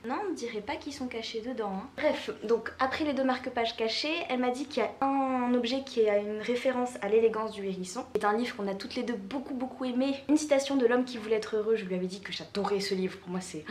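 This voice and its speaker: Brief: young woman vlogger from France, gushing excitable chat, highish voice, echoey bedroom. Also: a little hiss or hum. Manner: gushing, excitable, quick exclamations. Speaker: book vlogger. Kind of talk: casual unboxing chat. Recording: echoey home room.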